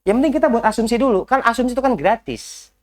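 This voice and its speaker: Lively man coaching a group indoors. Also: very high voice, quick pace. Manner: lively, talks straight to the audience with rhetorical questions; mixes English business phrases into his talk. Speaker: business coach. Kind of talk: motivational coaching talk. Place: indoor session in a house.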